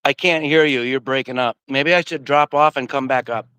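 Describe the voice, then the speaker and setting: A man's voice: medium pitch, moderate pace, sharp tone, clean tone, dry recording, low-quality recording. A man on a video call joining a live stream, patiently repeating himself over a choppy connection. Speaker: guest calling in to a live stream. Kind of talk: casual chat.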